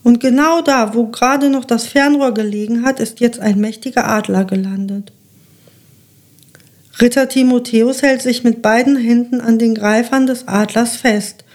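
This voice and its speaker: Calm woman reading a children's story. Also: fairly high pitch, normal speed.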